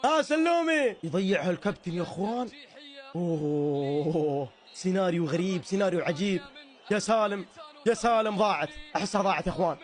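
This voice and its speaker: A young man with a Saudi accent reacts to a football match in comic commentary, excitable and full of mock outrage. His voice sits high and his words come in a rapid rush. He breaks into shouts and laughter often. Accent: Saudi Arabic. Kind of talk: comedic live reaction commentary.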